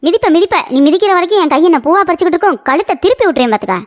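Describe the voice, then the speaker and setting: A woman voicing a sharp-tongued young wife in a cartoon, answering back quickly. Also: very high-pitched, lively intonation, noisy background. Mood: defiant. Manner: mouthy, quick retorts.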